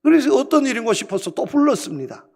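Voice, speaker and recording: Animated, gravelly-voiced male pastor. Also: extremely high pitch, fast talker. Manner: storytelling, emphatic, animated. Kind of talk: sermon. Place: church sanctuary.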